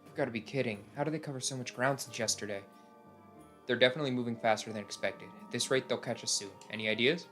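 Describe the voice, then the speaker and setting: A man's voice: medium pitch, fast talker, a bit bright, faint music behind, close to an everyday voice. A man voicing an earnest, decisive young mercenary commander, plain-spoken and resolute, from a game script. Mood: concerned.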